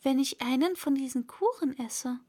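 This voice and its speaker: A woman's voice: high voice, moderate pace, mellow, close to an everyday voice. A woman voicing a curious, bold young girl in a storybook reading, earnestly talking to herself.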